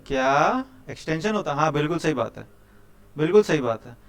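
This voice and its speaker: A man's voice: on the high side, lively intonation, fairly quick. A young man teaching a live coding class, chatty and teasing, quizzing his students as he goes. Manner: chatty, quizzes students, keeps saying "bhai".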